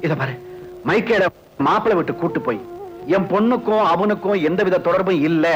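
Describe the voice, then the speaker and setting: A man playing a middle-aged village doctor and scheming father, speaking forcefully in a 1980s film drama. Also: high voice, fairly quick, close to an everyday voice. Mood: coaxing. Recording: old film soundtrack with loud music.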